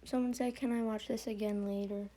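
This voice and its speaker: Woman reading viewer comments aloud, mellow dark tone, flat delivery. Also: on the high side, brisk, a little hiss or hum.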